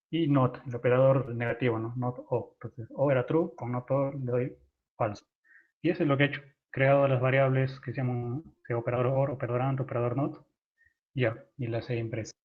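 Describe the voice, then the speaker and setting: A man with a Peruvian Spanish accent teaching a live online coding lesson, explaining step by step with frequent fillers and self-corrections. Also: mid-range voice. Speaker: programming instructor. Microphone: video call audio. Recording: tinny phone-like video call audio.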